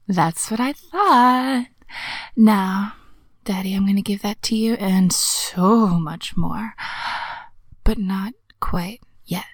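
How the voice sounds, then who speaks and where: A woman voicing a playful, teasing young woman just out of school, talking close to the mic in a breathy whisper with frequent giggles. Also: medium pitch, no room sound. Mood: whispery teasing. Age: young adult. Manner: giggly, coaxing, slow and drawn-out. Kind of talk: intimate audio roleplay.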